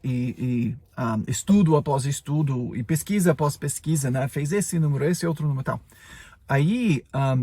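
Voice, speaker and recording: Chatting through a podcast lesson in Portuguese, an English teacher in his forties, a native English speaker, regularly ends sentences with little check-ins. His voice is a little high and a little mellow, with a gravelly, husky quality.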